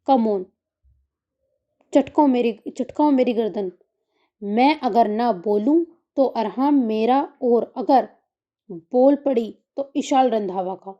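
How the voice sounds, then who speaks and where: A woman reading the lines of a defiant, sharp-tongued young woman who mocks and talks back, in an audiobook story. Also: on the high side, muffled recording, natural voice. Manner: defiant, mocking.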